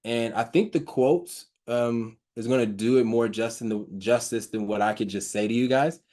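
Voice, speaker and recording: A man giving an informal slide talk, reading research quotes aloud and explaining them haltingly, with frequent fillers, restarts and a stutter he mentions himself. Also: medium pitch, a little mellow. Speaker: presenter on hydrogen health research.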